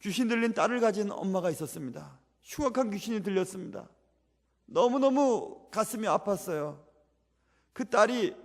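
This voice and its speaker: A male pastor preaches in a high, gravelly voice, circling back to the same refrain with earnest insistence. His words ring out with a long reverb that trails through the church hall. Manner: earnest, repetitive preaching cadence. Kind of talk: sermon. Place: church sanctuary.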